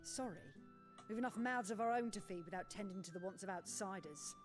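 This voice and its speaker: A woman voicing a brisk tavern keeper in a video game, speaking with a servant's eager deference. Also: medium pitch, music in the background, close to an everyday voice. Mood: curt. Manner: curt, then fawning.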